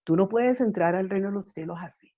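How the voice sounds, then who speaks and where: A woman's voice: medium pitch, brisk, narrow, tinny audio. A woman preaching a fervent sermon with pleading, repeated appeals over a video call.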